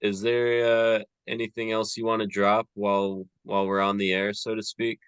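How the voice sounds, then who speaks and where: A man's voice: on the low side, moderate pace, smooth, dry recording. A man hosting a podcast, chatting casually and rambling a little with plenty of fillers. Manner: relaxed, rambling, many fillers. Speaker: podcast host.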